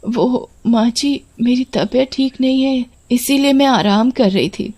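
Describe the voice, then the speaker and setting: A woman voicing a gentle young daughter-in-law who speaks softly and hesitantly in a storybook tale. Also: a little high, normal speed, voice pushed up, lightly acted. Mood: weak. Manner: soft, pleading, hesitant.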